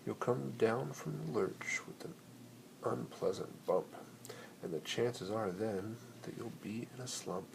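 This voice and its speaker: A man reading a children's picture book aloud in an expressive, playful, rhythmic way with dramatic pauses. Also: lowish voice, gravelly. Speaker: bedtime story reader. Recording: noisy amateur home recording.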